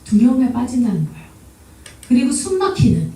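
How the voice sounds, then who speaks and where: A woman missionary giving a church seminar talk, telling stories with lively animation and acting out what people said. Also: on the high side, brisk. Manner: lively storytelling, often laughing and acting out quotes. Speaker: missionary guest lecturer. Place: church hall. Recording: very echoey hall, voice from far off.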